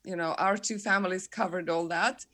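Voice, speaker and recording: A woman's voice: on the low side, fairly even intonation, normal speed, a bit bright. Croatian woman cookbook author interviewed. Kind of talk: interview conversation.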